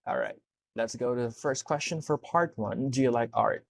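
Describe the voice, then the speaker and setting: A man's voice: mid-range voice, normal speed, creaky, dry recording. Patient male English tutor, dry close voice. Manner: patient, explains step by step with frequent "okay?" checks. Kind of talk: one-to-one speaking lesson.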